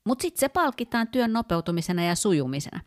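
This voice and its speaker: A woman's voice: mid-range voice, big pitch swings. A woman co-hosting a casual talk, explaining ideas step by step with many fillers and small restarts. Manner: thoughtful, with frequent fillers and restarts; explanatory, walks through work examples. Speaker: podcast co-host. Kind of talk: casual conversational podcast.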